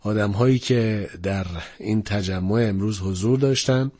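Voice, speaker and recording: A man's voice: fairly low pitch, warm tone, no echo, studio quality. A man hosting a radio call-in program, speaking politely with pious phrasing. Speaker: radio host.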